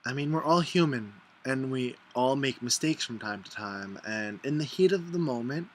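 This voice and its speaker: A man talking casually and warmly to camera about his best friend, filling his talk with "like" and playing out what friends say. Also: normal speed, slight background noise. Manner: chatty, lots of "like", mimics friends in higher voices. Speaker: vlogger. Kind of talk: casual heartfelt vlog.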